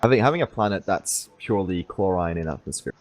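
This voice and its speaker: A man's voice: sits low, lively intonation, fast. A man chiming in on a live stream with wry, offhand remarks.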